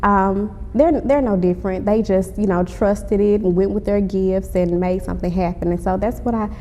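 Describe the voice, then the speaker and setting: A warm-toned woman speaking at normal speed is the interview guest, a playwright and actress promoting her stage play. Her answers are polite and conversational, with ma'am directed at the interviewer, and the setting is an echoey hall full of clear rumbling background noise.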